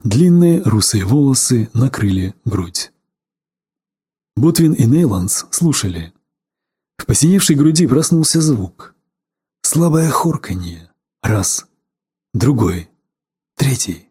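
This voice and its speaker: A man's voice: medium pitch, sing-song, takes it slowly, pauses often, warm tone, slightly rough. A man reading a novel aloud in terse, clipped sentences, lightly voicing the characters' lines. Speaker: audiobook narrator. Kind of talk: scripted narration of a novel.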